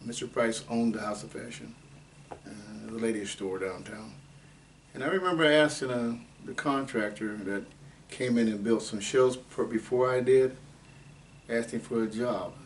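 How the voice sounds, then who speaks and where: Elderly man reminiscing, far from mic. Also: medium pitch. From Ohio. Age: 80s. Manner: unhurried, rambling, with many fillers. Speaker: oral history interviewee. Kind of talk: unscripted life-story reminiscing. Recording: distant mic with faint background noise.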